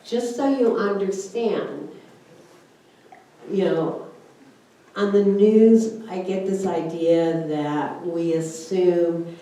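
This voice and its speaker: An older, German-born woman speaks in a fairly low, warm voice, drawing out her words as she shares her family's immigration story as a guest speaker at a church forum. Her personal storytelling is conversational and full of "you know"s and "uh"s. The recording comes from a roomy church hall with a distant mic and background noise.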